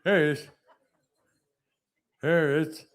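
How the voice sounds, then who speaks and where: A man working as a powwow emcee, calling people up by name in a halting, list-like way. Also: fairly high pitch, fairly even intonation, smooth. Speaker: powwow emcee announcing names.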